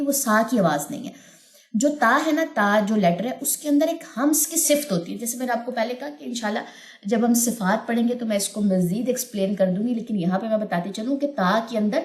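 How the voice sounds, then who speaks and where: A woman teaching Quran recitation rules, explaining patiently and chanting verses slowly and melodically. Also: fairly high pitch, echoey room. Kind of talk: tajweed lesson with chanted recitation.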